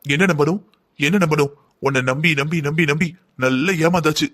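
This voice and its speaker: A man's voice: a little high, fairly quick, a bit bright, lightly acted. Man voicing a stern, lecturing father. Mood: bitter. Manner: lecturing, bitter. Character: stern, disappointed middle-aged father. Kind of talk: Tamil cartoon voice acting.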